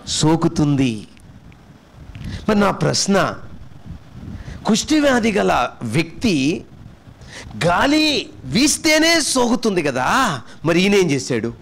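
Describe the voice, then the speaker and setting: A man preaching with a Telugu accent, questioning his congregation and swinging between loud and soft passages. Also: fairly high pitch, gravelly. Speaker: pastor. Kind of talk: sermon.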